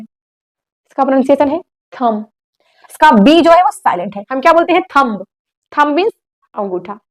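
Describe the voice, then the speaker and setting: A young woman, an English teacher, giving a classroom lesson in Hindi and correcting words with quick rhetorical questions. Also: high-pitched.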